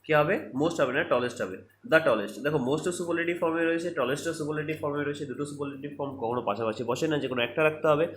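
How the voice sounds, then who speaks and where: Bengali accented guy going thru grammar errors, slow careful reading, roomy echo, faint hum behind. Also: fairly high pitch. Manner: explains step by step, reads sentences out slowly, asks rhetorical checks. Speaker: English grammar teacher. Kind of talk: online grammar lesson. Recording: echoey room with faint ambience.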